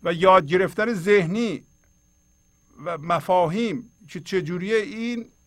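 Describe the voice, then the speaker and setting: Man, middle-aged, spiritual teaching host, earnest and exhorting, fairly high voice, dry sound. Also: fairly bright tone, no room sound. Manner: earnest, exhorting, speaks straight to listeners; colloquial, reads and explains verses.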